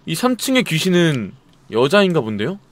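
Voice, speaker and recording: Lively high-voiced man playing a horror game. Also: normal speed. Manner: jumpy, exclaims and mutters while playing. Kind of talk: live game commentary.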